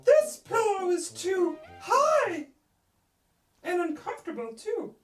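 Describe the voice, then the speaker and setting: A woman's voice: very high-pitched, very animated, takes it slowly, roomy sound, distant mic, soft background music, pitched above the performer's own voice, heavily acted. A woman voicing a picky, dramatic little Goldilocks girl for a puppet storytime, exclaiming and whining. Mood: whiny complaint.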